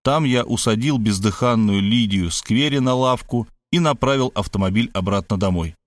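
A man reading a first-person story for an audiobook in a steady, matter-of-fact way. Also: fairly low pitch, moderate pace, no echo. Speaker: audiobook narrator.

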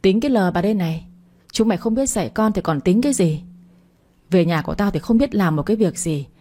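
A woman voicing a quarrelsome older mother-in-law who yells abuse and accusations from the gate, in storytelling narration. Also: lowish voice. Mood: accusing.

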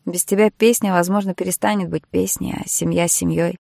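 A woman's voice: on the low side, steady tone, a little fast, gravelly, darkish tone, dry recording, clean studio sound. A woman voicing an earnest young man, a marine, who speaks tenderly and pleads with the girl he loves. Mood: gentle.

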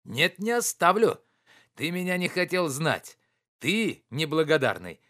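A man reading an audiobook, voicing a loud, boorish, quarrelsome middle-aged man who shouts and blusters. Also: a little high, sing-song, measured pace, voice pushed up, full character voice. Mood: scolding.

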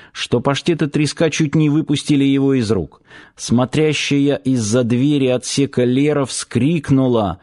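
A man's voice: medium pitch, warm tone. Man narrating an audiobook. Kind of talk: scripted narration.

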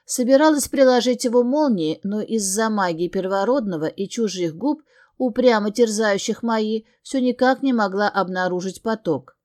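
A woman's voice: mid-range voice, moderate pace, a little mellow. A woman reading a first-person fantasy novel aloud, earnest and emotional. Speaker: audiobook narrator.

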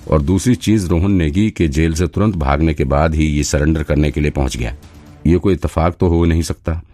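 A man's voice: extremely low pitch, a little fast, mellow, faint music behind. A man voicing a confident male detective who questions a suspect with firm, probing questions, in an audiobook. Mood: explaining.

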